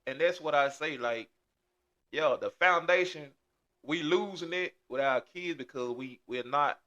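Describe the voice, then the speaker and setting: A man's voice: on the high side, a little slow, pushed and bright, lo-fi sound. A man, a guest in casual chat, talking earnestly and reflectively with many repeated starts.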